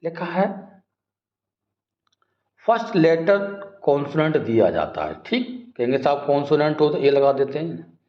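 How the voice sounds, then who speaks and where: A man's voice: fairly high pitch, expressive, unhurried, pauses often. A man teaching English grammar in a lesson, explaining step by step, asking questions back and repeating words. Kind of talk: classroom-style grammar lesson. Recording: echoey room, dull lo-fi sound.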